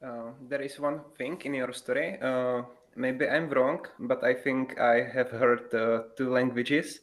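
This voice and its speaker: A man in a festival audience asks the director a question. His voice sits in the middle range. He speaks hesitantly and pauses to search for words. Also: mid-range voice, steady tone.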